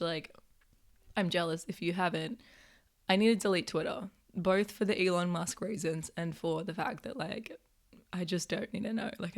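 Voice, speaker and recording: A young woman in her twenties hosting a podcast in a casual, chatty monologue, her voice hoarse from being sick. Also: on the low side. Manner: chatty, many filler "like"s. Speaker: podcast host.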